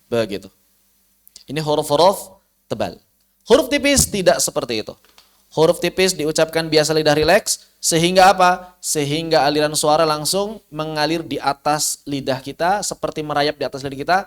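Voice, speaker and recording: A man teaching a recitation lesson online, patiently explaining and demonstrating sounds by repeating drawn-out syllables, often asking and answering his own questions. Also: on the high side, lively intonation. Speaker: tajwid teacher.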